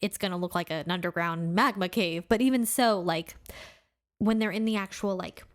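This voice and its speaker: A podcast co-host chats casually in a lowish voice at normal speed. She's eager and enthusiastic, packing her talk with filler words and leaning heavily on "like" and "really cool."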